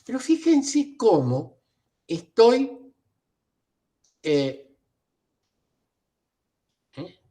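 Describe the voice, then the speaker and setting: Unhurried professor with lively pitch. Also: male voice. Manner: unhurried, frequent tag questions and fillers. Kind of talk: university lecture.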